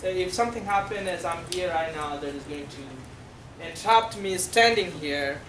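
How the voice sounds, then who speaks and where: A middle-aged man from South Sudan with a South Sudanese accent and Dinka as his first language, giving a halting, explanatory classroom presentation full of fillers. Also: a little high, fairly bright tone. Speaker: guest speaker. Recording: echoey room from far off, noisy.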